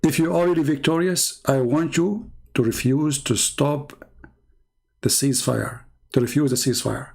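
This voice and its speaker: A man's voice: medium pitch, moderate pace, creaky, darkish tone, slightly rough, low-quality recording. A man from the Middle East giving a sarcastic, mocking polemical monologue as a debater, issuing challenges.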